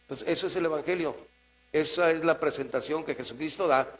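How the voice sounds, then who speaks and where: A man with a Mexican Spanish accent preaching a sermon as pastor, talking conversationally and swinging from quiet asides to raised, emphatic lines. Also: a little high, brisk, poor audio. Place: church. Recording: mains hum in the background.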